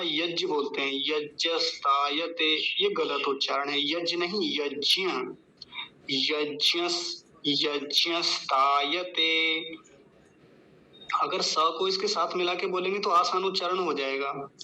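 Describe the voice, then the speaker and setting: A man teaching Sanskrit pronunciation, patiently breaking words into syllables and repeating them slowly and drawn out. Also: on the high side, sharp tone, poor audio. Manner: chants the mantra in a measured recitation. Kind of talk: slow syllable-by-syllable pronunciation lesson.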